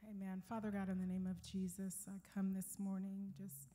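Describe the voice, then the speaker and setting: A woman's voice: medium pitch, completely flat delivery, normal speed, mellow. An older woman preaching a sermon in church, praying and reading scripture with frequent amens and hallelujahs. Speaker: guest preacher. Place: church sanctuary.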